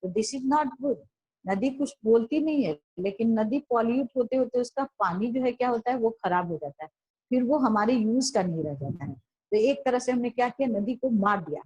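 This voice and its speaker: A woman teacher giving a classroom lesson, reading lines slowly and then explaining them in Hindi, often repeating and rephrasing. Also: on the high side, animated, darkish tone, husky, no echo, poor audio.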